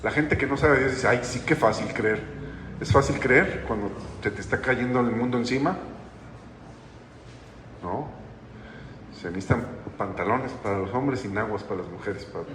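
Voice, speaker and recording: A man's voice: medium pitch, unhurried, long pauses. A man preaching a sermon as pastor, in a conversational way that keeps asking the congregation questions. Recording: echoey hall with long reverb, faint noise.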